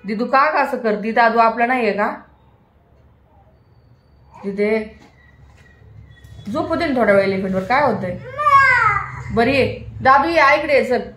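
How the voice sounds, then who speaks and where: A woman's voice: fairly high pitch, animated, measured pace, long pauses, fairly bright tone, echoey room, slight background noise. A young mother at home, talking to her small children in a sing-song, coaxing way and repeating her words. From Maharashtra, India. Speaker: mother and vlog host.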